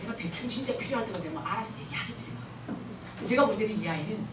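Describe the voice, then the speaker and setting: A woman speaking as a guest missionary at a church revival meeting. She talks in an animated way and keeps asking the audience questions. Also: medium pitch, fast, heavy background noise. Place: large church hall. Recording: echoey hall, mic at a distance.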